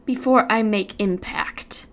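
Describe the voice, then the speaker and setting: Taking things slowly in a medium-pitched voice, a young YouTuber from the United States talks casually while streaming her animation work. Her chat rambles and is full of giggles.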